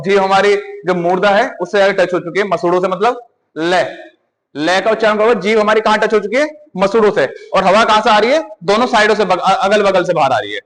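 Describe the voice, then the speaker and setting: A male teacher with a north Indian Hindi accent who gives a grammar lesson, asks the class questions, answers them himself and repeats sounds slowly. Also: sits high, fairly bright tone, rough recording.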